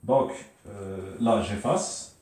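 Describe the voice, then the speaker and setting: Guy teaching at a board, slow and patient, says sounds over and over, mellow voice, super echoey room, mic kinda far. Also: on the low side. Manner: slow, patient, repeats syllables, many hesitations. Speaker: Arabic teacher. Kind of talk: classroom lesson at a board.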